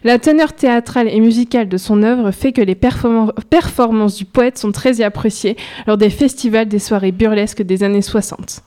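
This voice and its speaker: A woman presenting a poetry game on a radio show, playful and quick to laugh. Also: on the high side, warm tone. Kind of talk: radio chat and reading.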